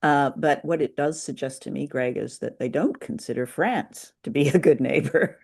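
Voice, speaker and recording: A Canadian woman co-hosts a podcast, working through a review in a thoughtful, chatty conversation. Her voice is very deep, creaky and husky with a darkish tone, at a normal speed.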